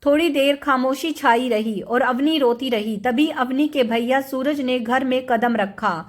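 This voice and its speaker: A woman storyteller narrating a family tale in a steady, plain way. Her voice is high and clear throughout. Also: unhurried.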